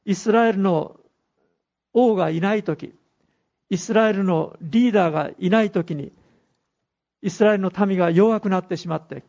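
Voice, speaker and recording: A man preaching a sermon as pastor, speaking earnestly with pauses and reading scripture aloud. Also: sits high, creaky, darkish tone. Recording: dull lo-fi recording.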